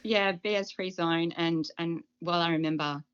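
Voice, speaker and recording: Woman, 30s to 40s, podcast co-host, earnest and animated, lowish voice, muffled recording. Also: moderate pace, smooth. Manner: animated, earnest, with ums and restarts. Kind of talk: casual podcast chat.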